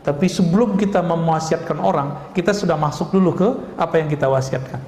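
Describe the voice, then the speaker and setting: A man preaching a lively sermon and asking the audience questions, now and then acting out scolding voices. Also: a little high, fairly quick, a little hiss or hum. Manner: animated, acts out scolding voices, laughs. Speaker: Islamic preacher. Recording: echoey hall recording with ambience.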